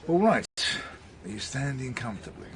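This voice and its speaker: A British man with a medium-pitched, natural voice plays a wry, opinionated middle-aged police detective in a naturalistic radio drama scene. He speaks at a moderate pace but is very animated, with an insistent, mock-pompous delivery that comes across as pedantic. Background noise can be heard.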